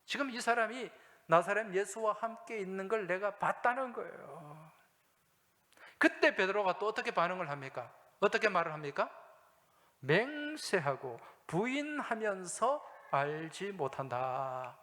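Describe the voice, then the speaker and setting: A male pastor preaching a sermon, asking the congregation questions and answering them himself, swinging between loud emphasis and hushed asides. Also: high voice, moderate pace. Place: church sanctuary. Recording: long hall reverb from a church.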